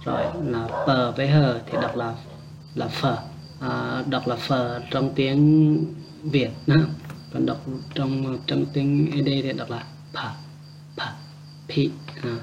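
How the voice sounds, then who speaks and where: A man giving a casual spoken language lesson, repeating example words slowly and adding chatty, joking asides. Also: mid-range voice, level tone, vocal fry, highs cut off, noisy background. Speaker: language teacher.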